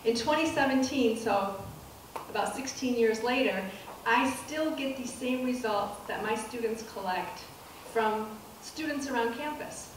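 This is a public lecture by a middle-aged woman professor whose voice sits a little high; she's soft-spoken and measured, with frequent ums and restarted phrases. The setting is a dark auditorium stage with a projector screen. Though she holds a handheld mic, the recording comes from a far-off camera and sounds distant and echoey, with room noise throughout the hall.

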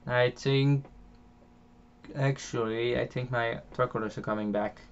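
A man's voice: medium pitch, steady tone, measured pace, highs cut off, a little hiss or hum. Rambling Dutch-accented young man gaming. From Netherlands. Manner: rambling, many fillers and restarts, chuckles often. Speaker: gaming channel host. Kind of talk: casual gameplay commentary. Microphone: home microphone.

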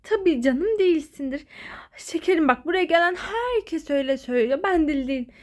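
A woman's voice: sits high, lively intonation, fairly quick. A woman voicing a female asylum doctor who talks down to her patient with sweet endearments. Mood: patronizing. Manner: patronizing, soothing endearments.

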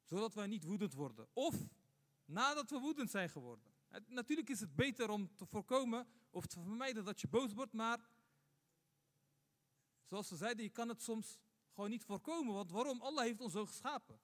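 A man's voice: sits high, expressive, moderate pace, fairly bright tone. A man giving a Friday sermon as imam, asking rhetorical questions and repeating points for emphasis. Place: mosque. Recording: long hall reverb.

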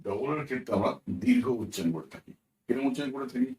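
A man's voice: medium pitch, darkish tone, echoey room, recorded from a distance, poor audio. A man teaching English pronunciation, who spells words out letter by letter and keeps checking with "right?". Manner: repeats words slowly, asks "right?" often. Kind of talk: explaining a lesson, spelling out words.

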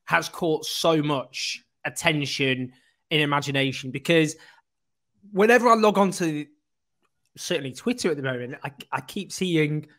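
A man, hosting a political interview over a video call, animated and full of joking asides. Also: fairly high pitch, moderate pace. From northern England. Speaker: host. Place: small room indoors. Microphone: studio mic on a boom arm.

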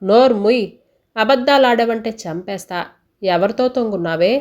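A woman doing a shrill, cursing village mother. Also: moderate pace, a little mellow, lightly acted. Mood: furious. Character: furious coarse village mother, middle-aged.

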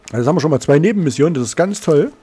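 Exasperated gamer, swooping pitch. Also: male voice, expressive, rapid-fire, mellow, slightly rough, faint music behind. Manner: exasperated, swearing, talking to viewers. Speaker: let's play host. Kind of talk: gameplay commentary.

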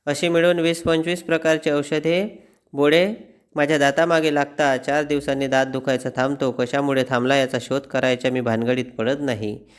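A man giving an expressive, wry reading of a humorous essay, like a teacher reading a lesson text aloud. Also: mid-range voice, moderate pace, clean tone. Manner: wry, self-mocking storytelling.

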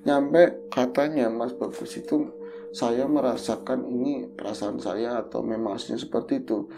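Gravelly-voiced man telling horror stories. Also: medium pitch, moderate pace, background noise. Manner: vivid, animated retelling. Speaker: podcast host. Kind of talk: casual horror storytelling.

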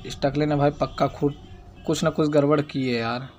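A young man giving casual, excitable gameplay commentary, chatting in slang and scolding the game's baby character. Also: fairly high pitch, moderate pace, faint music behind. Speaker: gaming YouTuber.

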